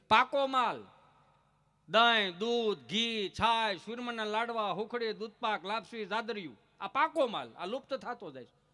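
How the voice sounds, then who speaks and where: A man telling comic folk stories on stage, with a lively, teasing delivery and punchy repetition. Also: sits high, normal speed. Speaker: stage comedian.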